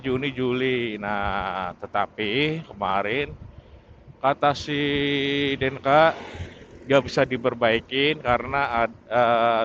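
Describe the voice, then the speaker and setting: Riding while he reviews his camera, a motovlogger chats in a mid-range, fairly bright voice, unscripted, hesitant, and repetitive. Everything is captured by a muffled wireless helmet-intercom mic, with road and vehicle noise coming through clearly.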